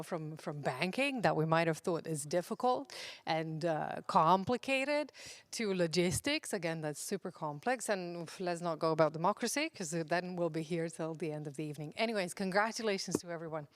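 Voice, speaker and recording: A woman's voice: on the low side, no echo. Upbeat woman co-presenting awards, dry sound. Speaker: awards co-presenter announcing winners. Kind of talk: live awards presentation with informal commentary.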